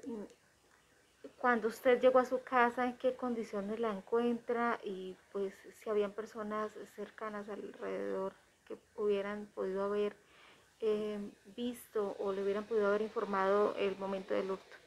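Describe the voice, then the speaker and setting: Female local news reporter, even flat questioning tone, formal and measured. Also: medium pitch, a little hiss or hum, rough recording.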